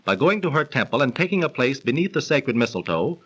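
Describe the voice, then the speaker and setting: A very animated, medium-pitched male voice, slightly fast and a bit bright, tells legends in the manner of 1930s radio drama. The actor portrays a friendly, scholarly young man with polished theatrical delivery. The sound comes from an old radio transcription of the era.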